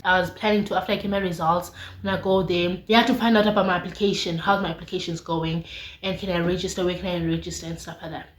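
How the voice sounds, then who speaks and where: Young South African woman vlogging, echoey room. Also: fairly low pitch. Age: late teens, young adult. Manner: expressive, informal, with slangy asides. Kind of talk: casual confessional chat to viewers. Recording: echoey, roomy sound.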